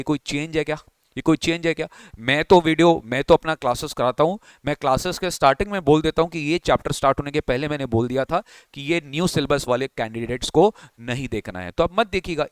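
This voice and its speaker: A man's voice: fairly high pitch, clear, resonant tone, dry recording. A man giving a coaching lecture, emphatic and mixing in English, asking himself rhetorical questions. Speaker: tax teacher.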